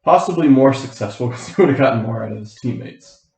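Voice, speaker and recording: Young male co-host, measured and careful in argument, middle pitch, echoey room. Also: a little mellow. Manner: measured, arguing a point carefully. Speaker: podcast co-host. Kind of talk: casual chat. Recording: roomy echo.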